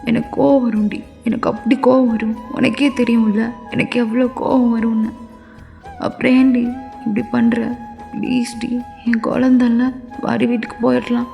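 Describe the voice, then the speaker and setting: A woman's voice: fairly high pitch, flat delivery, normal speed, creaky, warm tone, faint music behind. A woman voicing a remorseful, hot-tempered young husband who begs his wife tearfully in a fan-made audio story. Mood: pleading. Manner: tearful begging.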